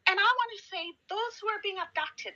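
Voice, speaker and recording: Angry high-voiced woman on a call. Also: fairly quick, pushed and bright. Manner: angry, indignant, emphatic. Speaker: caller on a live audio space. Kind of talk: impassioned political commentary. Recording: lo-fi call audio.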